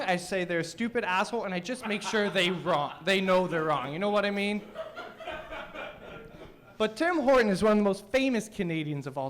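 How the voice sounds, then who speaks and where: Young male stand-up, high-ish voice, thick mushy diction, brash and crude crowd work. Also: a bit bright. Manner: brash, profane, teasing the crowd. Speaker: stand-up comedian; teacher. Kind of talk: open mic stand-up. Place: small comedy studio stage.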